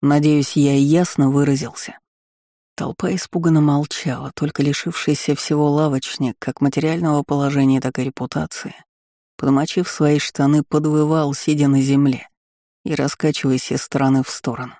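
A man narrating a fantasy audiobook in calm, measured tones. His voice sits a little high for a man yet sounds mellow and soft-edged. The recording is close and dry, with no room sound. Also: no echo.

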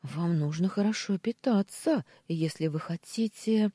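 Woman voicing a calm, wry young housemaid. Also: fairly low pitch, measured pace, husky, dry recording, studio quality, pitched above the performer's own voice. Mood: gentle.

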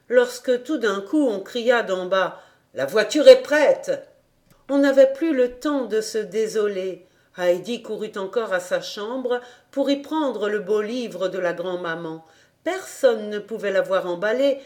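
A woman reading a children's novel aloud as a calm, even audiobook narration. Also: medium pitch. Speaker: volunteer audiobook reader.

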